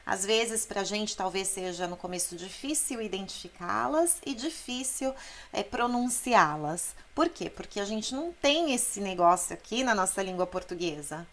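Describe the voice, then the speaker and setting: A woman's voice: mid-range voice, lively intonation, normal speed, fairly bright tone. A woman from Brazil teaching an Italian pronunciation lesson, explaining patiently and sounding out Italian words aloud. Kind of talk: language lesson.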